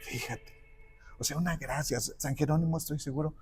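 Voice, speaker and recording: A man telling a saint's life in conversation, acting out the quoted dialogue with lively shifts. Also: fairly high pitch, moderate pace. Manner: animated, acts out quoted dialogue. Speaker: guest speaker on the parish patron saint. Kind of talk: conversational storytelling.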